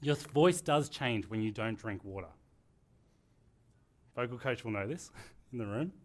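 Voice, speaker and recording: A man presenting a live workshop lesson to a room, talking in an energetic, joking way. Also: mid-range voice, unhurried.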